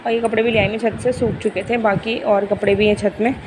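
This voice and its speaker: A woman's voice: mid-range voice, fairly quick, a little hiss or hum, rough recording. Young mother chatting in a home vlog. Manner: coaxing, talks to her child in a lively sing-song. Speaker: vlogger mother.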